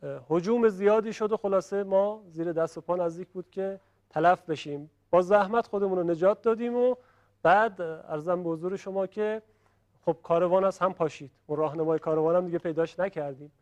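Middle-aged male teacher in a classroom, higher-pitched voice, patient and explanatory, demonstrates each sound slowly. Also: darkish tone, highs cut off. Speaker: Quran recitation teacher. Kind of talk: classroom tajwid lesson.

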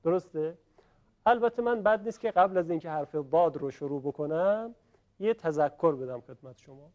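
A male teacher leads a classroom lesson on pronunciation, his voice sitting a little high. He explains patiently, pauses to check that the students follow, and voices each sound slowly to show it. The class recording sounds dull and lo-fi. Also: expressive. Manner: demonstrates sounds by voicing them slowly.

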